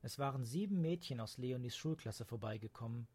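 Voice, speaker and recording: A man narrates a children's storybook at a calm, even pace. His voice sits in a middle pitch and has a slightly husky, breathy grain. The reading is gentle and steady. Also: a little fast.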